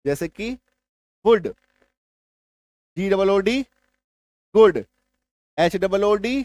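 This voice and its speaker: A man teaches a spelling lesson. He repeats key points and asks his students whether each one is clear. His voice is recorded close and dry, with no room sound. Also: high voice, lively intonation, extremely slow, a little mellow, dry recording. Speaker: English teacher.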